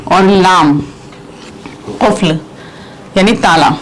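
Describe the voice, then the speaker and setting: A woman's voice: lowish voice, a little hiss or hum, rough recording. A woman teaching a language lesson, repeating words and explaining how to pronounce and spell them. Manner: explains pronunciation. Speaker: Urdu teacher.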